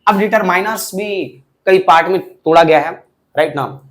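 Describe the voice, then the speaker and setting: A man teaching English grammar in a lecture, explaining step by step and often asking the class if it is clear. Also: sits high, normal speed. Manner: lively explaining, asks frequent checking questions.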